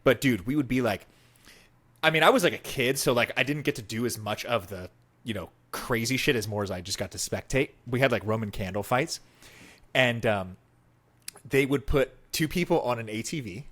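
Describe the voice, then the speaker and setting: A man's voice: mid-range voice, normal speed, fairly bright tone. A young man co-hosting a podcast, chatting casually and teasing his friend, saying "bro" and "dude" a lot. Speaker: podcast co-host. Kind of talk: casual chat.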